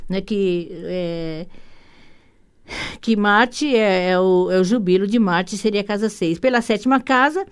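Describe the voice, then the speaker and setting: A woman's voice: medium pitch, clear, resonant tone. A Brazilian woman hosting a radio talk show, explaining astrology in a rambling way, with many restarts and tag questions. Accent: Brazilian Portuguese. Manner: rambling, warm asides with frequent "né?" tags; hurried, many restarts and repeated words. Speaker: radio show host and holistic psychotherapist.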